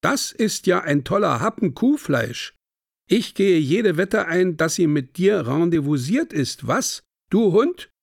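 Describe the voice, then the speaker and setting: A man's voice: high-pitched, big pitch swings, slow, creaky, no echo, clean studio sound, pitched above the performer's own voice, exaggerated voice. A man playing a drunk, coarse young fellow in a radio play, talking in a boisterous, crude, swearing way. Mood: crude, leering.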